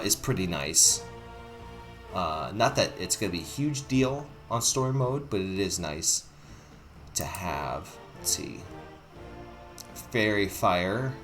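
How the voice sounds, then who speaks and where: Low-voiced man rambling through game commentary. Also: a bit bright. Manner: rambling, thinking aloud. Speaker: gaming video host. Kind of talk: casual playthrough commentary. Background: music.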